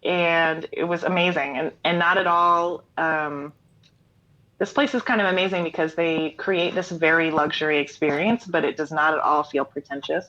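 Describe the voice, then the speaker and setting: A singer-songwriter in her thirties, appearing as an interview guest, talks casually in a low voice at normal speed with fairly even intonation. She rambles warmly, full of fillers and laughter. The audio is dull and lo-fi, like a remote call.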